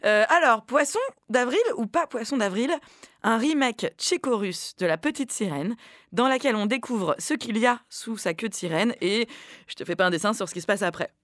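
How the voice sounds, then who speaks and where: A woman's voice: on the high side, lively intonation, normal speed, a bit bright, no room sound, studio quality. A woman co-hosting a casual radio show, reading a cheeky quiz in a playful, teasing way. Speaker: co-host.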